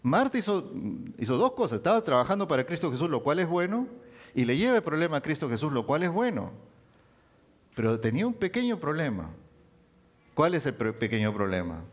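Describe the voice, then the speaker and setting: Male preacher, animated and expressive, with very lively pitch. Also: a little fast. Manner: animated, rising and dropping for emphasis. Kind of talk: sermon.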